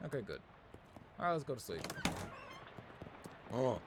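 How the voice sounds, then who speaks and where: A man's voice: medium pitch, sing-song, unhurried. A young man playing a game, reading its text aloud with casual commentary, swearing and surprised asides. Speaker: let's play gamer. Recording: noticeable background noise.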